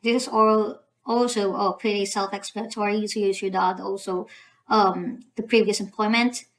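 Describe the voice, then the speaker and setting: In this casual screen-recorded tutorial, a young Filipina channel host with a Filipino accent goes through an online form one step at a time. She sounds hesitant, her medium-pitched speech full of "um"s and "you know"s, and the recording is rough.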